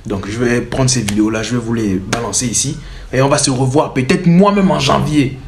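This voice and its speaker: A young man telling a funny personal story in a casual vlog, animated and laughing often. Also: medium pitch, a little fast, background noise.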